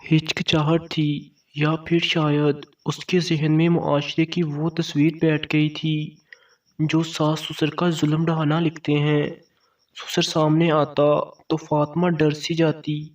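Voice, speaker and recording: Male storyteller, higher voice, even and unvaried, muffled far-off recording. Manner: steady, even storytelling delivery. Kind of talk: scripted story narration. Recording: dull, distant mic sound.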